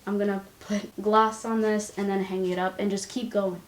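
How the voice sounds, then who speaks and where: In her room at home, a young woman vlogs casually in a medium-pitched, level voice at a moderate pace, chatting and rambling with giggly asides. Her compact camera's built-in mic gives poor, roomy audio.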